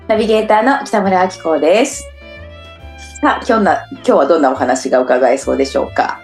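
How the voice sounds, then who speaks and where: A woman's voice: on the low side, a little fast, darkish tone, soft background music. A woman co-hosting a talk program, chatting and responding politely as she interviews. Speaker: navigator, co-host.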